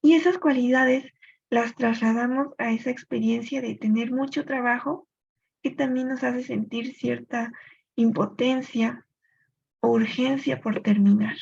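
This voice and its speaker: A woman teacher explains poetic rules step by step, stopping now and then to think aloud. Her voice sits a little high, with a gravelly, husky edge. The recording sounds dull and lo-fi. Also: fairly even intonation, darkish tone. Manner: clear explanatory pace with thinking-aloud pauses. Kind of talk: recorded literature lesson.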